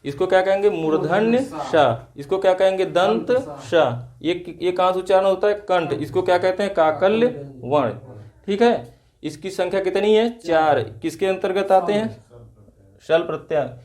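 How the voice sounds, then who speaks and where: Hindi teacher quizzing in call-and-response. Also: male voice, high voice, darkish tone. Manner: repetitive call-and-response questioning, stretched drawn-out answers. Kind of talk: exam-prep lesson.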